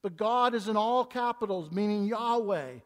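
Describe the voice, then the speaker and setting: A man preaching an expository sermon, reading scripture aloud and swinging between hushed and emphatic delivery, with stumbling restarts. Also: high-pitched, moderate pace. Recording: long reverb of a large hall.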